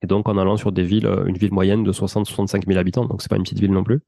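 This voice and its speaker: Very fast and low-pitched, with little pitch movement, he sounds creaky and mellow in a clean studio recording without room sound. He is a property investor and entrepreneur, French with Portuguese ancestry, chatting casually and slangily as an interview guest while explaining his own experience at length.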